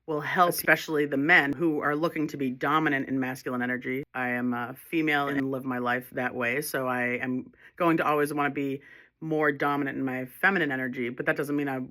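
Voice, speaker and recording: A woman's voice: a bass voice, steady tone, fairly quick, sharp tone. A woman speaking as a holistic life coach in a reflective self-help monologue, earnest and encouraging, often restarting her phrases.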